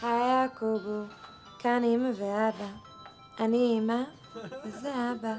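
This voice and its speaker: A woman's voice: fairly high pitch, fairly even intonation, a little mellow, soft background music, close to an everyday voice. An actress playing a melodramatic comedy character, a mother speaking in mock-grave tones. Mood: playful. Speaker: sitcom character.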